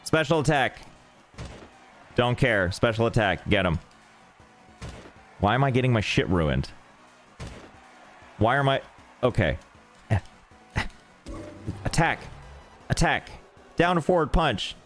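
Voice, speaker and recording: A man's voice: medium pitch, very animated, slow, long pauses, a bit bright, soft background music. A man streaming a game, giving goofy, playful commentary full of exclamations. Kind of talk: let's play commentary.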